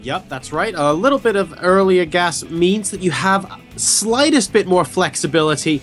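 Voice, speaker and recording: An esports caster from Hong Kong with a high, somewhat bright voice and lively intonation does play-by-play commentary on a video game match. He breaks down builds analytically and trades quick, light jokes with his co-caster over soft background music.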